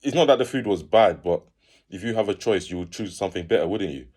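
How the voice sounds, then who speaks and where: A young man telling a personal story casually, lively and acting out the people he quotes. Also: fairly low pitch, fast talker. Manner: animated, acts out quoted people in raised voices. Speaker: fitness channel host.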